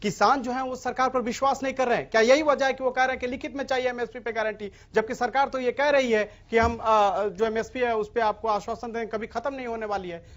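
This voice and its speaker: A man anchoring a TV news debate, briskly cutting in with short acknowledgements. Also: very high voice, steady tone, a bit bright, muffled recording.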